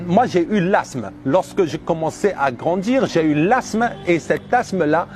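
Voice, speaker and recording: His voice sits high as this Algerian man in his thirties gives a personal religious testimony. He is earnest and emphatic, returning again and again to deliberate, repeated phrases.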